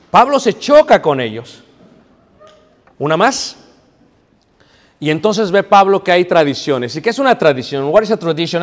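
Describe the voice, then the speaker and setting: High-voiced man preaching in a hall. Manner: storytelling, asks the audience questions, mixes in English. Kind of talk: sermon to a congregation. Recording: reverberant hall.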